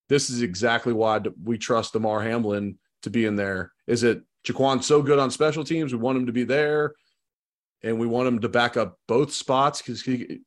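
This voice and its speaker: A man giving relaxed, conversational sports commentary as a football analyst, with an informal way of talking. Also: mid-range voice. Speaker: football analyst, show guest.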